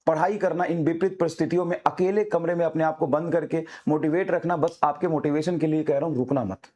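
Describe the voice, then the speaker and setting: A man's voice: high-pitched, darkish tone. A man who teaches exam coaching gives a fiery motivational talk to his students, hammering the same phrases again and again.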